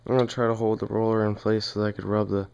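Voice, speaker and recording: A home how-to video features a man demonstrating something by hand in a small room. His voice is fairly low, clean, and smooth, with very flat intonation. He speaks casually and plainly, pausing at times as he works through the tutorial.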